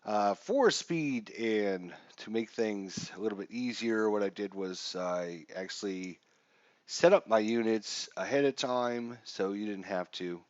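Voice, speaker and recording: A fairly low, nasal-sounding male voice moves at a measured pace as he explains a wargame scenario live, chatty and loose with lots of verbal padding. The stream audio is dry and muffled, lo-fi in quality.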